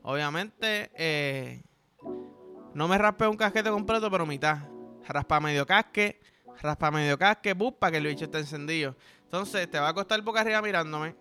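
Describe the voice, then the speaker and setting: A man's voice: a little high, moderate pace, sharp tone, faint music behind. A man with a Puerto Rican accent hosting a podcast, rambling through a crude comic monologue full of slang. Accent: Puerto Rican Spanish. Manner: rambling, vulgar, joking, heavy slang. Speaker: podcast host.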